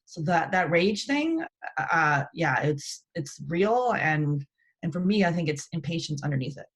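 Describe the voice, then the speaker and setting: A woman in her thirties co-hosting a podcast, talking bluntly and swearing in fast bursts of frustration. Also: deep voice, expressive, slightly rough. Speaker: podcast co-host. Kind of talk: casual podcast chat.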